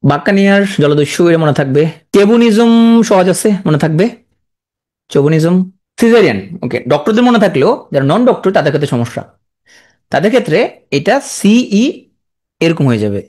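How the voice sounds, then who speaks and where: A spelling teacher, leading a live class. The voice rises and falls a great deal, slowing right down to stretch out every syllable of a hard word. Short check-in questions to the students keep the lesson moving. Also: medium pitch, sing-song, a little mellow. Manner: spells words out slowly, stretching each syllable; coaching, asks quick check-in questions.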